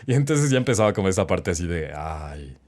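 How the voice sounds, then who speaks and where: Low-voiced Mexican man telling stories. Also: racing. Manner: animated anecdote-teller, acts out quotes. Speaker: guest, voice-over announcer. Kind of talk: casual storytelling chat.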